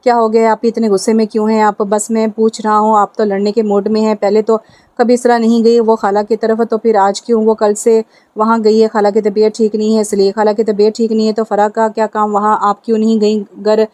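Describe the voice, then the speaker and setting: A woman's voice: mid-range voice, brisk, no room sound. A woman narrating a romantic novel and speaking every character's lines herself. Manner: reads all parts herself in an even tone. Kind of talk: dramatic audiobook narration with voiced dialogue.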